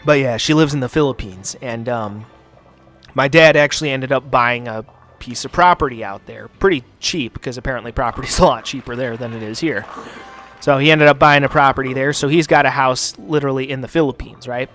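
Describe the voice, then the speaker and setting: Recorded in a home basement studio, this young man from the United States runs a gaming channel and rambles loosely, cursing a lot and leaning on filler words. His medium-pitched, slightly bright voice moves a little fast over faint background music.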